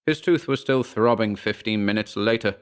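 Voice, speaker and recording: A man with a smooth, fairly low voice serves as narrator for a horror story, reading the script in a measured, dramatic storytelling style.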